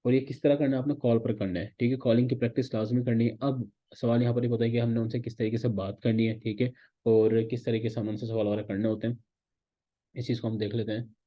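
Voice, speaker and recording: A man teaches a recorded online course at a brisk, rapid clip, walking through each step and checking in constantly. His voice sits at an ordinary pitch for a man. The recording is dull and lo-fi. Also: flat delivery. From Pakistan. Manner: repeats "theek hai" as a check-in, explains step by step. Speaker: course instructor.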